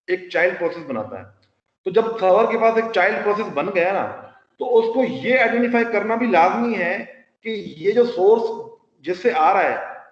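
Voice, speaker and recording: High-voiced male lecturer in an echoey hall. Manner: explains step by step with rhetorical questions; mixes English technical terms into his speech. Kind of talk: classroom lecture. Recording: roomy hall sound, dull lo-fi audio.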